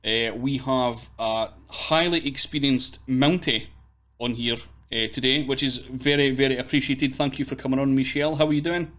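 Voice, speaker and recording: A man's voice: medium pitch, fairly even intonation, normal speed, a bit bright. A man with a Scottish accent hosting a podcast interview, asking questions in a casual way. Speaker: podcast host.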